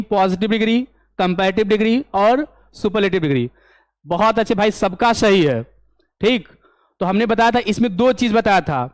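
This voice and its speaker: A man teaching an English grammar lesson for an exam, explaining step by step and often asking if it is clear. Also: sits high, dry recording. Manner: explains step by step, keeps asking "clear?" and answering his own questions.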